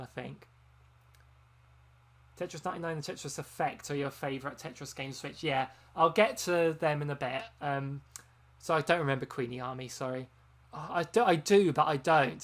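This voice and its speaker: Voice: mid-range voice, normal speed, fairly bright tone. A host chatting casually on a long live stream, rambling with frequent ums and self-corrections, sounding tired from hours of talking. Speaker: game channel host.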